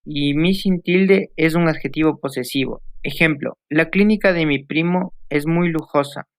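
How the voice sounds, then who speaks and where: A man's voice: fairly high pitch, moderate pace, dry recording. A young man from Ecuador, a student, reading out spelling rules and examples, sometimes stumbling and repeating words. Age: young adult. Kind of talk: reading a spelling lesson aloud.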